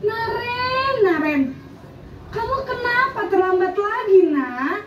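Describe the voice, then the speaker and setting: A woman's voice: very high-pitched, lively intonation, slow, exaggerated voice. A woman playing a long-suffering schoolteacher who laments and guilt-trips in an educational skit. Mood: plaintive, worried. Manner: lamenting, self-pitying. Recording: echoey, muffled, distant, faint noise.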